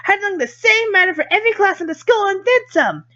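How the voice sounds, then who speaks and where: A man's voice: very high voice, big pitch swings, fairly quick, pushed and bright, dull audio, voice pushed up, exaggerated voice. A man voicing a bubbly schoolgirl who relays a strict student council president's lectures in a bossy, emphatic way. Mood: scolding.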